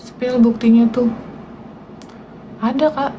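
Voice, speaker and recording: A woman's voice: fairly high pitch, fairly even intonation, slow, mellow, slight background noise, low-quality recording. A woman, hosting a casual livestream and talking indignantly and directly to her viewers. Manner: indignant, talks straight to viewers. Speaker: livestream host.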